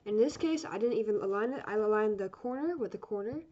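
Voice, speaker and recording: A fast-talking woman of medium pitch leads an origami class, explaining each step casually. She rambles, apologizes a lot, and corrects herself along the way. Expect dull, lo-fi audio with a steady hiss.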